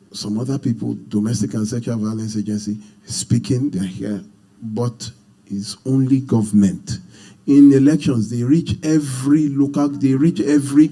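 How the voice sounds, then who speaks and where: Speaking with a Nigerian accent, a man with a fairly low, warm voice leads a marriage seminar, talking unscripted to an audience. He is earnest and emphatic and often repeats his phrases.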